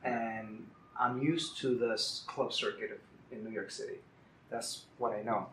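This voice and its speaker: A man's voice: lowish voice, steady tone, measured pace, a bit bright, a little hiss or hum. Man from Puerto Rico, roomy outdoor sound. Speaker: salsa singer, guest. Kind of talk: casual interview. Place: outdoors in the city.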